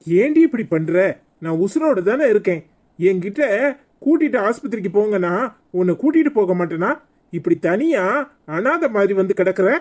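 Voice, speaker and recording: A man's voice: sits high, big pitch swings, moderate pace, darkish tone. A man voicing a hot-tempered, insistent estranged husband in a cartoon comedy, speaking Tirunelveli Tamil in a pleading yet stern way.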